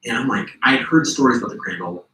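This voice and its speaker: A man's voice: mid-range voice, fast talker, echoey room, recorded from a distance, a little hiss or hum, low-quality recording. A man being interviewed, casually recounting a memory and acting out what people said. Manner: animated, acts out what people said.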